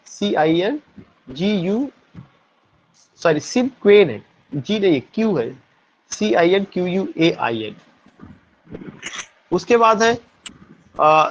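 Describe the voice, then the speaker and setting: A man's voice: high-pitched, lo-fi sound. A man teaching poetry terms in an exam-prep lesson, asking questions and answering them, spelling words out letter by letter.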